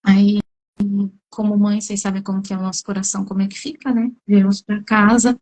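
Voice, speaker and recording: A woman's voice: mid-range voice, little pitch movement, brisk, darkish tone, poor audio. A middle-aged Brazilian woman giving a church testimony, telling the story and acting out her own cries in the quoted lines. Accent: Brazilian Portuguese. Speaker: speaker at a women's church meeting. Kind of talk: testimony sermon.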